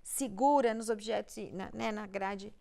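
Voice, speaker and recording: A woman's voice: medium pitch, moderate pace, gravelly, mellow. A woman with a Brazilian accent, a pediatrician guest patiently explaining child development step by step in a reassuring way. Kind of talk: explanatory interview talk.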